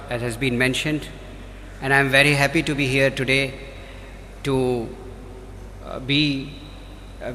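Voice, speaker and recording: A man with an Indian accent giving a formal ceremonial speech as a diplomat, measured and phrase by phrase. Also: mid-range voice, sharp tone. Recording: reverberant hall, faint background noise.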